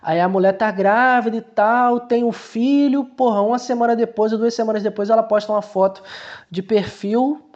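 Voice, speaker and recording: A man's voice: high-pitched, fairly even intonation, moderate pace, darkish tone, dull audio. A man with a Brazilian Portuguese accent, giving casual book commentary and talking straight to the viewer in a colloquial way, with many restarts.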